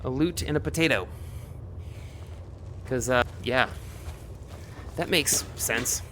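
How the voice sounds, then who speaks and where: A man's voice: medium pitch, takes it slowly, pushed and bright, a little hiss or hum. Man muttering over his gameplay. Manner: rambling, talks to himself while playing. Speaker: streamer. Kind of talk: casual game commentary.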